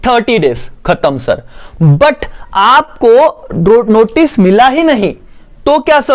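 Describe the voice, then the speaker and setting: Animated, high-voiced male teacher. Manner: dictates slowly, then explains in fast Hindi. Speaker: commerce teacher. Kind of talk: exam-prep lecture.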